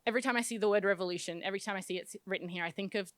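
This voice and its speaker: A woman's voice: medium pitch, racing, fairly bright tone, dry recording. A woman pastor giving a sermon in a conversational, self-deprecating way, often restarting her phrases.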